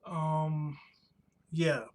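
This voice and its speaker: Rambling higher-pitched American man streaming. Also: completely flat delivery, very slow, a little mellow. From United States. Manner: rambling, restarts and rephrases often. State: voice slightly worn from pollen allergy. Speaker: live streamer. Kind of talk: casual live-stream chat. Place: home streaming room.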